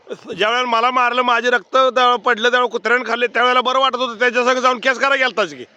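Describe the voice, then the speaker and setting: High, bright, scolding man. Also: steady tone, racing, clear, resonant tone, no echo, lo-fi sound. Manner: scolding, mocking, lecturing. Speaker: comic sketch performer. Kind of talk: comic phone call sketch.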